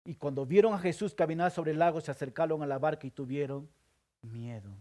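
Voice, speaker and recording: A pastor delivers a brisk sermon, asking the congregation questions and answering them himself. He alternates loud, emphatic passages with quiet, low asides.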